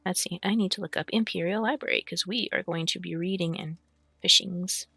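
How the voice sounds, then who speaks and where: A streamer and VTuber who reads lore books chats casually with their audience, rambling with lots of fillers and throat clearing before reading a fantasy book aloud, all while hiccuping. The voice is medium-pitched, brisk, pushed, and bright, on a dry recording.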